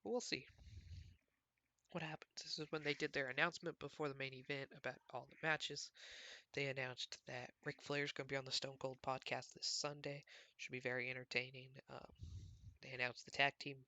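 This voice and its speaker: A man's voice: medium pitch, flat delivery, fairly quick, pushed and bright. A man hosting his own sports show from home, recapping casually in a rambling, conversational way. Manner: rambling, conversational, filler-heavy.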